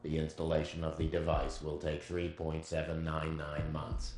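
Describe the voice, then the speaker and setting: A man's voice: very deep voice, completely flat delivery, normal speed, creaky, darkish tone. An actor voicing a glitching, bureaucratic male post office robot in a video game, speaking in clipped, officious machine phrases and blurting out errors. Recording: echoey game audio with music.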